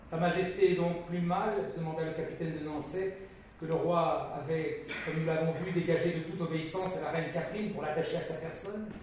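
A man's voice: on the high side, fairly even intonation, a little mellow, a little hiss or hum. Man reading a novel in a very echoey room. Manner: dramatic, measured. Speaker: reader. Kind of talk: narration of a classic novel. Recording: very echoey, distant mic.

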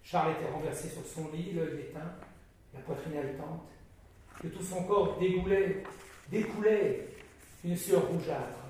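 A man narrating a classic novel in a dramatic, measured way. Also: fairly high pitch, darkish tone, a little hiss or hum. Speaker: reader. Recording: very echoey, distant mic.

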